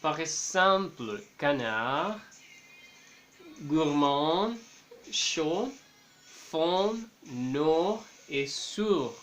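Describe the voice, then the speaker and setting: Slow, careful male language teacher. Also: a little high, lively intonation, fairly bright tone, faint music behind. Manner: slow, careful, repeats words for practice. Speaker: French teacher. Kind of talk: bilingual language lesson.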